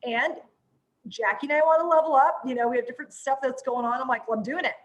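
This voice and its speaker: A woman with a high-pitched voice hosts a casual promotional chat. She talks in an informal, chatty way and sounds readily excitable. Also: fast, low-quality recording. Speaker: host.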